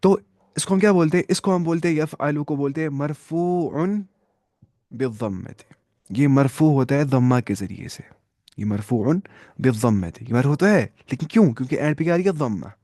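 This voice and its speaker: A man's voice: medium pitch, sing-song, fast, warm tone, no room sound, clean studio sound. A man teaching grammar rules, patiently asking rhetorical questions and answering them, repeating word forms aloud. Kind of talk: explaining grammar rules step by step.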